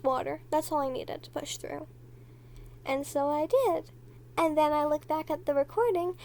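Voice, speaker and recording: A teenage girl vlogger chatting casually and rambling, with plenty of fillers. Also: high voice. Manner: rambling, talking freely with frequent fillers; quiet and hushed near the end, trying not to be overheard. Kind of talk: casual chat.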